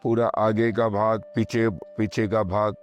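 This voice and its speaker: A male meditation guide speaks in a lower register, very slow and calm, offering short phrases with space between them. Background music plays underneath his voice.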